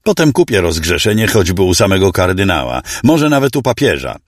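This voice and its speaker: Cold sneering nobleman villain read by a man, lively menacing delivery, pitched up a bit from a deep voice. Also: fairly quick, no echo, clean studio sound. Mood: cold menace. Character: cold, greedy young nobleman cousin, cruel villain.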